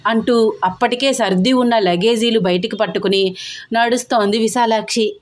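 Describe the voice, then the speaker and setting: A woman narrating an audio story in a steady, expressive reading. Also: a little high, moderate pace. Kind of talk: scripted narration.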